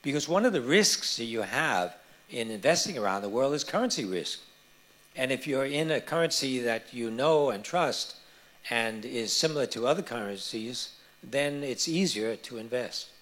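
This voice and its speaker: A measured, mid-pitched male conference speaker. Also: animated, fairly bright tone. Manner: measured and explanatory, with frequent "uh" hesitations. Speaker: conference speaker answering questions. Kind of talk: conference Q&A answer.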